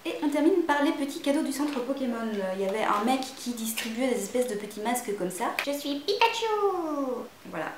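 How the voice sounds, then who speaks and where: A woman's voice: fairly high pitch, quick pace, hardly any pauses, roomy sound, background noise. A young woman hosting a casual vlog, chatty and self-mocking, with crude jokes. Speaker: vlogger showing a shopping haul.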